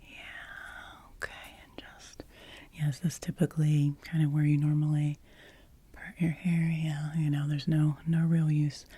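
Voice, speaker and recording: Close to the microphone, an ASMR creator whispers through a hairdresser role-play. Her whisper is low, breathy and mellow, level in tone and very unhurried. She repeats short phrases soothingly.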